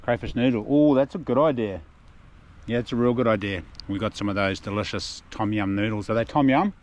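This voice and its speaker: A man's voice: on the low side, fairly quick, a little mellow. A man from New Zealand with a broad Kiwi accent, talking casually and slangily in an outdoor adventure vlog in a laid-back manner. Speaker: vlogger. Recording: noisy outdoor recording with ambient sound.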